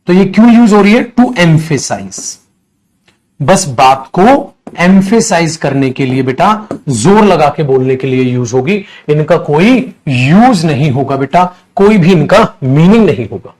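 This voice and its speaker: A man lecturing a grammar coaching class with a slightly high voice. He calls his students children in a coaxing, familiar way. He leaps up in pitch and volume whenever he drives a point home. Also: slightly rough. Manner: addresses students as beta, coaxing and emphatic; jumps higher and louder to stress points. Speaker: English grammar teacher.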